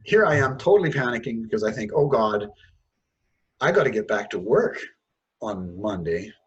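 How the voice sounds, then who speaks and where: A man's voice: mid-range voice, slightly rough, dull audio. A Canadian man giving an interview, talking candidly with many halts and restarts. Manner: hesitant, restarts often, self-deprecating. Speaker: interview guest.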